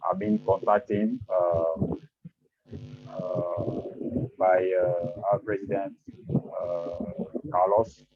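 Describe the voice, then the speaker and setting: Male guest speaker, Ivorian accent, low register, slow and halting delivery, informal self-introduction. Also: little pitch movement, narrow, tinny audio. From Ivory Coast. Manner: halting, repeats words. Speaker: first-time guest at a meeting.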